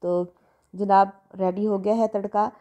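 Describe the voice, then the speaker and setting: A woman's voice: medium pitch, level tone, unhurried, dark tone. A woman hosts a cooking channel, explaining a recipe step by step in a chatty, polite voice-over. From Pakistan.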